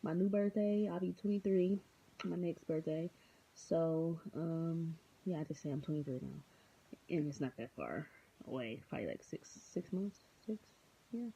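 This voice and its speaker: A woman's voice: deep voice, normal speed, creaky, warm tone, slight background noise. Tired, rambling young woman vlogging. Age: 20s. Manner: rambling, unscripted, many filler ums; goofy. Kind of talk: casual vlog chat. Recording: dull lo-fi sound.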